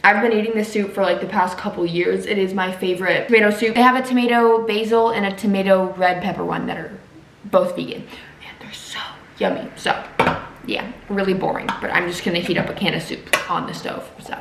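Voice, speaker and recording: A woman's voice: medium pitch, fairly even intonation, fast, fairly bright tone, reverberant, a little hiss or hum. A woman recovering from wisdom teeth removal, chatting casually to camera as she narrates her meals in a food vlog. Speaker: food vlogger.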